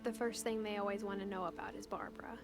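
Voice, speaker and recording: A young woman narrating a game in a soft, hushed, wistful voice. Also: mid-range voice, steady tone, quick pace, close to an everyday voice. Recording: narration over game music.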